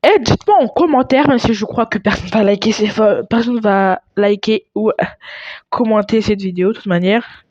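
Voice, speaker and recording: A young woman chatting casually over her gameplay. She stammers often and breaks into excitable outbursts. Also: medium pitch, normal speed, no echo, highs cut off. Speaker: gaming video creator.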